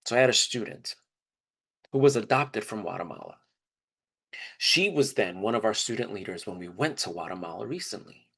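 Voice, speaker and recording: A man's gravelly, husky voice, fairly low yet fairly bright, rises and falls in a sing-song way at a moderate pace. He performs a dramatized first-person monologue, casual and reflective, acting out quoted speech as he tells it.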